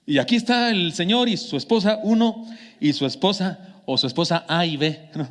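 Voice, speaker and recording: Mexican male preacher, chatty storytelling sermon that drops quiet then pushes emphatic, somewhat high-pitched, ringing hall. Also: lively intonation, moderate pace. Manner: conversational, swings from hushed to emphatic. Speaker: pastor. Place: church sanctuary. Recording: long church hall reverb.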